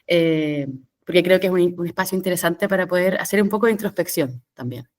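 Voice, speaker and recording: Lower-voiced Chilean woman in an interview. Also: brisk. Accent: Chilean Spanish. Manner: reflective, with fillers and restarts. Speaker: podcast guest. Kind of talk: conversational interview.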